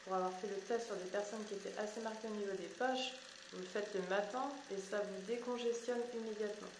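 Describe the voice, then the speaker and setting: A woman's voice: mid-range voice, steady tone, fairly quick, reverberant, background noise. A woman giving a product demonstration tutorial and explaining each step directly to the viewer. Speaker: beauty product seller.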